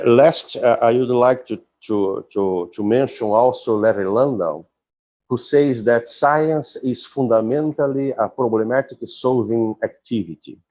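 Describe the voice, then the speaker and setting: A man giving an academic conference lecture, deliberate and explanatory, often halting and restarting his phrases. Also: fairly low pitch, a little mellow. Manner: halting, with frequent restarts and fillers. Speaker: philosophy professor giving a talk.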